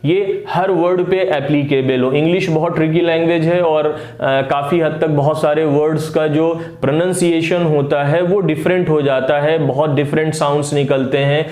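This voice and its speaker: Guy teaching phonics, kinda high voice, lots of uh pauses, echoey room. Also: a little mellow. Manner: patient, with frequent "uh" fillers. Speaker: English phonics tutor. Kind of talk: explaining lesson.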